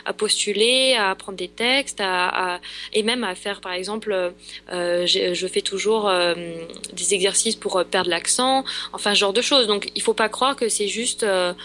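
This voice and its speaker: A woman's voice: mid-range voice, a little slow, fairly bright tone. A young French woman, an actress, chatting in an interview, hesitant with many fillers and restarts. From France. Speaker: actress in Los Angeles. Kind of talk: casual interview chat.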